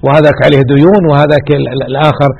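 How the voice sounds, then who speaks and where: A man's voice: on the high side, level tone, rapid-fire, gravelly, a little mellow, slightly rough, lo-fi sound. A man teaching a religious lesson, exhorting his listeners and repeating key words for emphasis. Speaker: sheikh teaching hadith.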